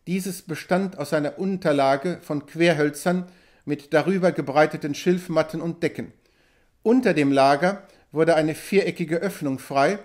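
A man reading an adventure novel aloud as an audiobook narrator, at a steady, even pace. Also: fairly high pitch. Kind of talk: scripted narration.

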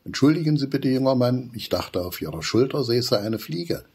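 A man's voice: mid-range voice, expressive, moderate pace, darkish tone, breathy edge, pitched above the performer's own voice. A man reading aloud and voicing a polite, old-fashioned elderly male frog with formal, courteous speech. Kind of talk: storybook reading.

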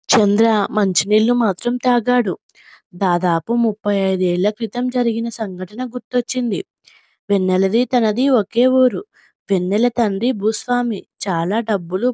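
A woman storyteller reading a story aloud in a steady, measured way. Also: mid-range voice, no echo, clean studio sound. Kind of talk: scripted story narration.

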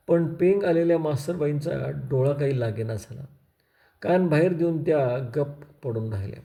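Brief: male lecturer reading a story aloud, measured, mellow dark voice. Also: fairly high pitch, creaky.

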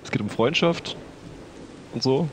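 Man, playful co-op gamer, animated delivery, noisy mic. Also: mid-range voice, a little slow. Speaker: game streamer. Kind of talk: casual co-op gameplay chat.

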